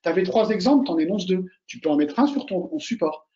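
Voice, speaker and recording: A man, an author and oral exam coach, giving casual, animated advice and repeating his key points straight to the listener. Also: sits high, brisk, muffled recording. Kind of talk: casual advice talk to students.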